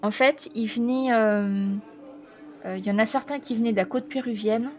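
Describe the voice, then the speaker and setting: Woman, game master, tabletop role-play narration, halting delivery, lots of fillers, slightly high voice. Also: a little mellow. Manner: hesitant, many fillers while reading out a list; reads foreign names haltingly.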